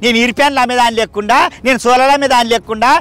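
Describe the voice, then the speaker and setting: A man with a Telangana Telugu accent playing a loud, nagging old village mother-in-law in a comedy sketch. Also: fairly even intonation, rapid-fire. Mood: scolding. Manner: shrill nagging scolds, loud outbursts. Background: background music.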